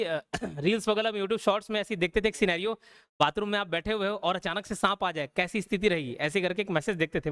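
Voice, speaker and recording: This young adult man teaches a live online exam-prep class, explaining things casually and often checking in with a quick "okay?". His voice sits high with a fairly bright tone.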